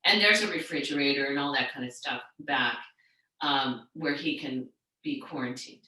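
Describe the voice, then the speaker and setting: A middle-aged woman teaching a yoga class, telling a story in a rambling, chatty way and then guiding the class gently into a seated relaxation. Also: rumbling low, normal speed. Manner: rambling, chatty storytelling with many restarts and fillers. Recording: very echoey room, far from the mic.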